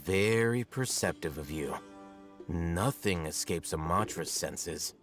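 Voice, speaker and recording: An actor playing a calm, sardonic male scholar who asks needling questions in video game dialogue. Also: low-pitched. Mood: probing. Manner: dry, measured, needling questions. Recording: game music behind.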